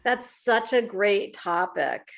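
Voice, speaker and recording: An earnest webinar leader, played by a woman in improv. She talks slowly and with deliberate care. Her tone suits a facilitator of a workshop. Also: medium pitch, expressive, creaky. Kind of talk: improv comedy.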